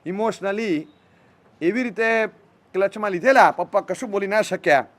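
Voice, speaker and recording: A man giving a sermon, telling stories with emphatic stresses and soft asides. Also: sits high, normal speed. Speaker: religious preacher. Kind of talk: sermon with storytelling.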